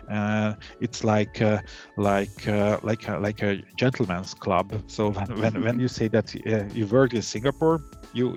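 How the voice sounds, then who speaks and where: A middle-aged man from Hungary, calmly answering interview questions, with many fillers and restarts. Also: on the low side. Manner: calm. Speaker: interview guest, data analytics head.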